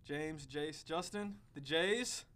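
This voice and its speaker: A young man co-hosting a casual student podcast, joking and expressive. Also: a little high, slow pace. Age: young adult. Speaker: podcast co-host.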